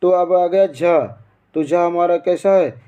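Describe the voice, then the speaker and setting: High-voiced, mellow man teaching grammar. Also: fairly even intonation, takes it slowly, clean tone. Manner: quizzing, repeats answers, asks and answers own questions. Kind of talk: exam-prep grammar lesson.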